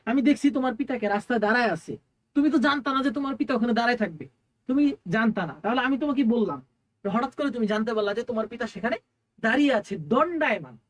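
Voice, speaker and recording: A woman teacher gives an exam-prep lecture in a fairly high voice. She asks her own questions and then answers them, and she draws out each recited phrase slowly before explaining it. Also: lively intonation. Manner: slows down and drawls when reciting Arabic phrases.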